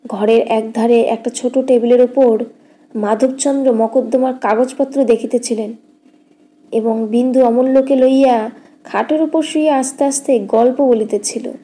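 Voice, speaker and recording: A woman audiobook narrator reading a classic novel in a steady, measured way. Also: on the high side.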